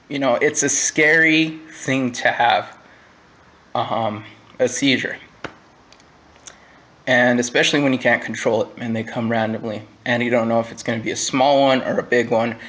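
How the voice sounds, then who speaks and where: A young man giving a personal monologue to the camera at home, candid and halting, with frequent pauses and fillers. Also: mid-range voice, a bit bright. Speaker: vlogger.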